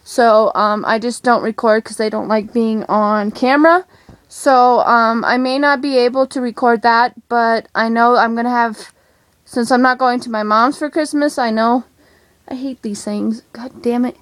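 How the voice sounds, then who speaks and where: A woman's voice: on the high side, moderate pace, no room sound. Gushing, rambling young woman vlogger. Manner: excitable, gushing, rambling with many ums. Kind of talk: casual chatty vlog. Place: home.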